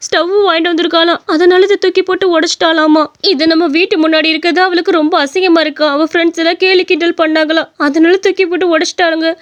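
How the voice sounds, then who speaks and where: A woman voicing a hardworking elder daughter-in-law in a cartoon story, shrill and protesting. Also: steady tone, fast talker, a bit bright, smooth. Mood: tearful.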